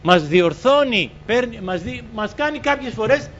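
A man from Greece preaching a sermon, earnestly retelling conversations and pausing on fillers. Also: animated, fairly bright tone. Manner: earnest, retells conversations with many quoted exchanges and hesitant fillers. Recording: dull muffled recording with faint rumble.

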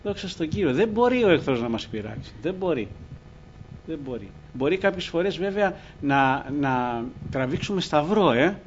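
A man's voice: a little high, very animated, highs cut off, slight background noise. A man preaching a fervent sermon to his congregation, often calling them brothers. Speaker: pastor.

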